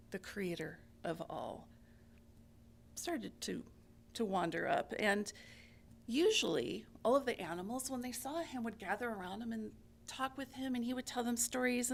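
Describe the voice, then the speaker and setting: A middle-aged woman telling a parable as a church speaker, in a gentle, homely storytelling manner. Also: fairly high pitch, gravelly.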